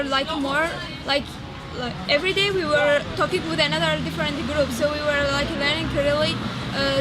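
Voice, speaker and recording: A woman giving a casual interview answer, speaking fluently with many "like" fillers. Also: sits high. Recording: loud crowd behind.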